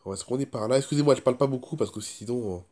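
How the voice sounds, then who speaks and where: Stuffed up from a cold and nursing a sore throat, this male vlogger talks fast at a medium pitch, his tone a little mellow and his nose clearly blocked. It's loose first-person vlog chatter, rambling and repetitive.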